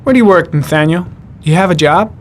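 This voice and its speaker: An actor playing a calm male FBI agent questioning a suspect in a measured, reassuring way. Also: a little high, a little hiss or hum, close to an everyday voice.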